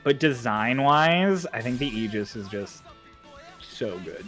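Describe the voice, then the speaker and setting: An easygoing man who teases his co-streamer and laughs often as they play. He talks at an ordinary pitch, with faint game music behind him. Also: lively intonation, takes it slowly, fairly bright tone. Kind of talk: casual gameplay chat.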